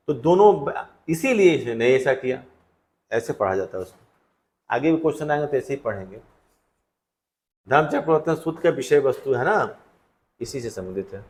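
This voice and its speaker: Man teaching a classroom lecture. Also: medium pitch. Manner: conversational, questions the students. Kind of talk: classroom test solution lecture.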